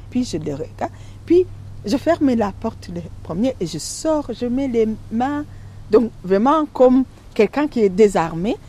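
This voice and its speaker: Burundi-born woman telling her story on the radio, soft dark voice, keeps breaking off and restarting. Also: fairly high pitch. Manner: halting, emotional retelling with broken restarts. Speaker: interview guest. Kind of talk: radio testimony.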